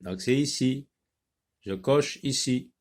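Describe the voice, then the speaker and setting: A man teaching a phonics lesson to young children, saying each word slowly and repeating it so the pupils can follow. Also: medium pitch, a little mellow. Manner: slow, deliberate, repeats words for pupils.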